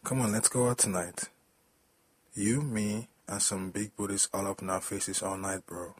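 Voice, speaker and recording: A man's voice: fairly low pitch, steady tone, moderate pace, dry recording, natural voice. A man reading the lines of a young adult male co-worker who talks in casual street slang. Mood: coaxing.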